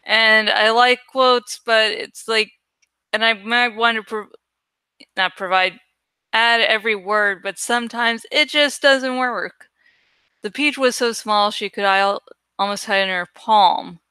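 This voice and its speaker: Rambling as she works on a graphic, this woman, an online creator and host, thinks out loud, swears, and occasionally searches for the right word. She speaks a little high and a little slowly, with a pushed, bright, clean tone. There's no echo.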